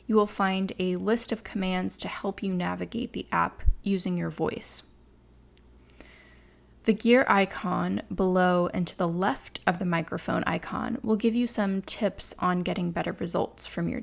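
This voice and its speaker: A woman reading a scripted software tutorial in a measured, instructional way. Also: fairly low pitch, creaky. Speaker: tutorial narrator.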